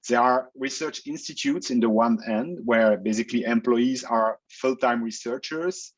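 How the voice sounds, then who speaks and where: A man's voice: medium pitch, moderate pace, lo-fi sound. A man who grew up in Belgium, a researcher answering interview questions in a casual, hesitant way with many fillers and restarts, speaking over a video call. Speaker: researcher guest.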